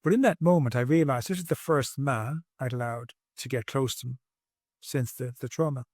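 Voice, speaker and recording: A man's voice: medium pitch, normal speed, darkish tone, no room sound, clean studio sound. A man in his sixties, a podcast guest at home, telling his personal story in an earnest, reflective way with frequent restarts. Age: 60s.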